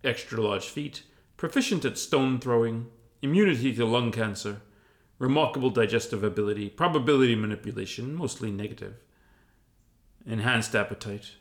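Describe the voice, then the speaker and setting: A man's voice: mid-range voice, moderate pace, natural voice. A man voicing an intrusive, sardonic talking hat that reads minds, drawling and dismissive in a scripted parody audio story. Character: intrusive, bored, sardonic telepathic sorting hat.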